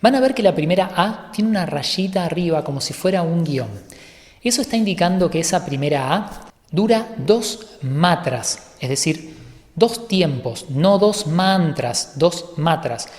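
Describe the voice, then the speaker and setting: A male yoga teacher giving an online course lecture, explaining calmly and methodically and sometimes correcting himself mid-sentence. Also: fairly high pitch, unhurried, big-room sound.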